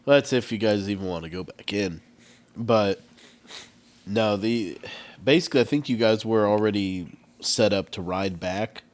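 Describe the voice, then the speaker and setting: A man's voice: lowish voice, a little slow. A man with a stuffed-up nose, chatting casually as a game master and rambling through restarts and fillers. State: congested, stuffed up. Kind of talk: casual podcast chat.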